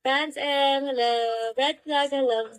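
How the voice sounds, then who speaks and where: A woman's voice: sits high, fairly even intonation, takes it slowly, dry recording, rough recording. A woman hosting a casual livestream, chatting and greeting viewers by name. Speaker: livestream host. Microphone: phone.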